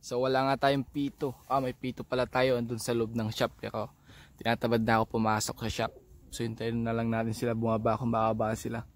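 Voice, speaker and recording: Relaxed Filipino man chatting outdoors. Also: mid-range voice, brisk, heavy background noise. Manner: relaxed, rambling, many restarts and fillers. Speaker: pigeon loft vlogger. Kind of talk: casual vlog talk. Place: outdoors by a pigeon loft.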